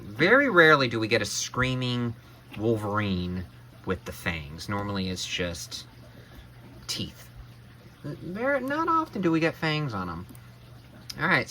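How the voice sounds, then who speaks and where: A man hosting a casual action figure review, excitable and exclaiming over every detail he shows. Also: fairly low pitch, a little hiss or hum. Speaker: toy reviewer, channel co-host.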